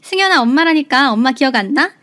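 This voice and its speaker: A woman's voice: sits high, lively intonation, fast talker, fairly bright tone, no room sound, voice pushed up. A woman voicing a self-pitying ex-wife who pleads in a whiny way. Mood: crying out.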